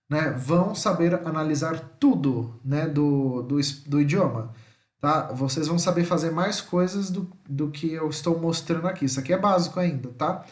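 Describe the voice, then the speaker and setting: A Brazilian man teaching a slide-based lesson, patiently repeating each word slowly and checking in with his listeners. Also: a little high, echoey room. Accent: Brazilian Portuguese.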